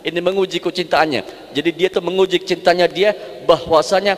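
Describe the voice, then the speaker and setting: A man with a fairly high voice preaches a sermon in a large mosque hall. He repeats key phrases to drive them home and slips into chanting Arabic verses between his explanations. The room gives a long, echoing reverb. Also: fairly even intonation, a little fast. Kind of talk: sermon explaining devotional poetry.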